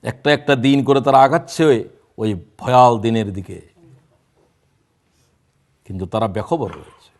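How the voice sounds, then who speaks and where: Slow preaching man in his sixties. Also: mid-range voice. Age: 60s. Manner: dramatic sermon delivery, drawn-out recitation and quotes, swings between loud and hushed. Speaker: Islamic preacher. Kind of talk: sermon.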